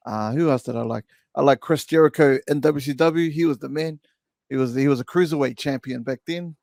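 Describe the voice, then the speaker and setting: A man's voice: medium pitch, a little fast, creaky, darkish tone, no room sound, clean studio sound. A young man with a New Zealand accent, chatting casually as a podcast guest, slangy and full of restarts. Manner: laid-back slangy, lots of restarts and fillers. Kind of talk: casual chat.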